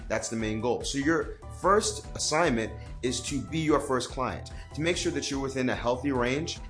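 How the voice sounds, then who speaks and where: A man's voice: medium pitch, fairly bright tone. Man giving earnest fitness-coaching advice. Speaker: personal trainer giving advice to trainers. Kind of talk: direct-to-camera advice vlog.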